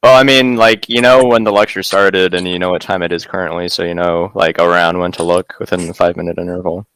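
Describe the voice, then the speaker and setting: A man with a very deep, smooth, resonant voice makes offhand remarks in an easy, laid-back way. His sound is close and dry, with no room around it. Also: fairly even intonation, quick pace, fairly bright tone, no echo. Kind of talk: casual group chat.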